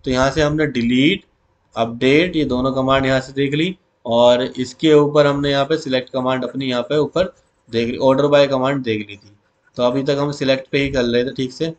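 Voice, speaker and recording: A man's voice: medium pitch, steady tone, highs cut off. A male teacher giving an exam revision lesson, calling his students "beta" and repeating key words back to them as questions. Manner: reads English SQL commands slowly, word by word.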